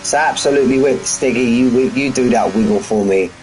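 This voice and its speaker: A man's voice: medium pitch, a little fast, darkish tone, soft background music, low-quality recording. A man giving live race commentary on a stream from his front room at home, chatty and full of banter with his viewers. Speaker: sim racing commentator.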